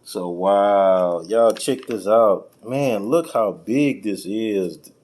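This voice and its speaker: Drawing out his words in a lowish, slightly mellow voice, an American man chats casually while unboxing car audio gear by hand. The vlogger reviews it in folksy, colloquial language, and the home-video recording is clearly noisy.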